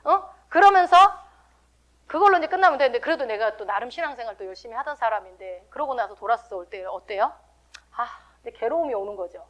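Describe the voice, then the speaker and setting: A woman pastor giving a lively, teasing sermon and acting out the voices of the people she describes. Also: a little high, fast talker. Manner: lively, teasing, acts out quoted speech.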